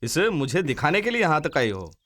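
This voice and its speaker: Cheeky teasing young lover. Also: male voice, fairly high pitch, very animated, brisk, a bit bright. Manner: playful, teasing, laughing often. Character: cheeky young man teasing his sweetheart. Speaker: male lead of a dubbed film. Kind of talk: Hindi film dubbing.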